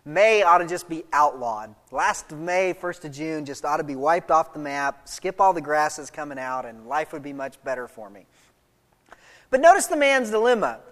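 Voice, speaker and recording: Animated pastor with a cough, sermon with chatty asides, heard in a hall with long reverb. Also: medium pitch, moderate pace. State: coughing from allergies.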